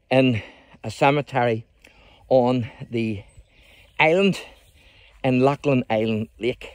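Out in a rural graveyard, a middle-aged man guiding a history trail chats eagerly to viewers while filming a walking tour on his phone. He speaks at medium pitch with a darkish tone, and the recording is dry.

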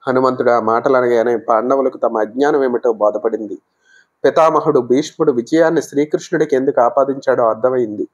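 A man narrating a mythological story in a measured, steady storytelling manner. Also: medium pitch, dull audio. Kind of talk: scripted narration of a mythological tale.

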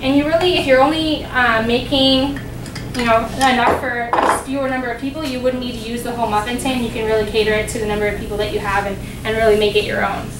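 A woman's voice: a little high, level tone, quick pace, recorded from a distance. A young woman in her twenties giving a cooking demonstration in a large kitchen, explaining each step in a friendly way with frequent ums and uhs. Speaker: dietetic intern doing a cooking demo. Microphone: distant camera mic. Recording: roomy kitchen sound from afar, background noise.

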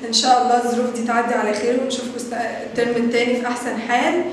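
A woman with an Egyptian accent teaching small children a phonics review, slowly stretching out words and sounding out letters, with frequent praise. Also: on the high side, little pitch movement. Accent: Egyptian Arabic. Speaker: kindergarten teacher. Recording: echoey room from a distance, faint noise.

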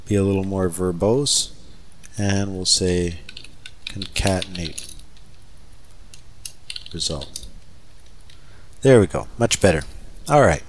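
A man teaching a software scripting lesson over a screen recording, talking casually and thinking aloud with fillers as he types. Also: sits low, takes it slowly, long pauses, a little hiss or hum. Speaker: software trainer. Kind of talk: screen-recorded coding tutorial.

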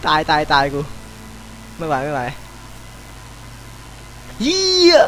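A young man commentating casually on his own racing gameplay, with sudden excited outbursts, swearing and mock prayers. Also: a little high, normal speed, a little hiss or hum, poor audio. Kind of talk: casual let's-play commentary.

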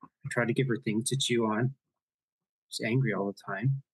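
A nervous, hesitant nanny with an Irish lilt, as a man puts her on in a tabletop horror game. Her voice is husky and sits at an ordinary pitch. It sounds dry and close to the mic. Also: fairly even intonation, dry recording, close to an everyday voice, low-quality recording. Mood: worried. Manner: hesitant, halting replies.

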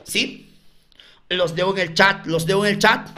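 A man's voice: sits high, steady tone, slow, pushed and bright, faint music behind. A Peruvian man tutoring math in a live online class, coaxing viewers with repeated questions to the chat.

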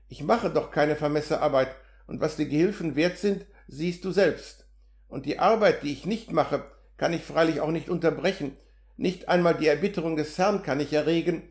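An impatient male land surveyor, as a man reading an audiobook puts him on, snapping out sharp, exasperated demands in a slightly high voice. The audiobook is recorded in a roomy space with a clear echo. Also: moderate pace, natural voice.

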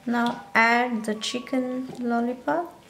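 A woman with a slightly high voice talks through a recipe at a slow, unhurried pace, giving plain step-by-step instructions. Her voice rings in an echoey home kitchen. Faint music plays behind her. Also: fairly even intonation, gravelly, a bit bright. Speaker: cooking channel host. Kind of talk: cooking tutorial voice-over.

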